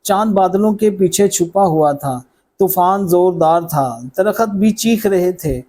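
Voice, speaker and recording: Slow, high-voiced male storyteller. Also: lively intonation, mellow, rough recording. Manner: measured, dramatic storytelling. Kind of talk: scripted story narration. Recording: clear background music under voice. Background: background music.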